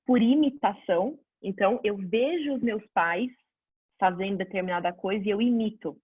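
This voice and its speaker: A woman's voice: medium pitch, normal speed, husky, dry recording. Woman teaching over a tinny line. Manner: conversational, answers viewer questions, lively examples. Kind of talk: casual online class. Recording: dry phone-like audio.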